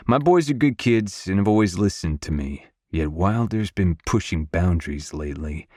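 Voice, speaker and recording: A man narrating a romance audiobook in first person, in a gruff, brooding manner on a close studio mic. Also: deep voice, a little mellow, no room sound.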